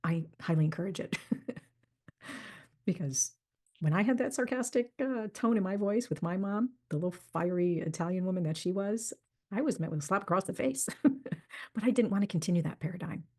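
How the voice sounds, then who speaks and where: Woman podcast host, low-ish mellow husky voice, animated storyteller. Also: fairly quick. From United States. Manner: animated storytelling, acts out quoted dialogue.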